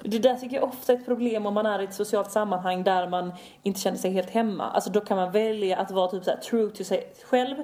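Mellow-voiced young woman, expressive storyteller. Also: medium pitch, hardly any pauses. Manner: expressive, exasperated storytelling with quoted dialogue. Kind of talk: casual chat.

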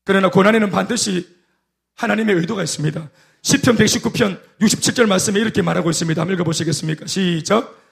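A male pastor with a Gyeongsang accent preaching a sermon, telling animated stories and acting out the quotes. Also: high voice, fast talker, gravelly. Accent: Gyeongsang dialect. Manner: animated storytelling with acted-out quotes.

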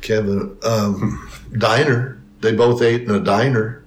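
A man's voice: fairly low pitch, fairly even intonation, slow. A man co-hosting a podcast in casual chat, making wry jokes. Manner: jokey, wry. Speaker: podcast co-host. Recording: echoey room with loud hiss.

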